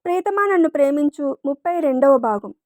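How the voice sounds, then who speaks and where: A high-pitched woman reads a romance story aloud as the host of her own story channel. She gives the characters' lines small shifts of voice. The sound is dry and close, with no room around it. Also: lively intonation, fairly quick, darkish tone, dry recording.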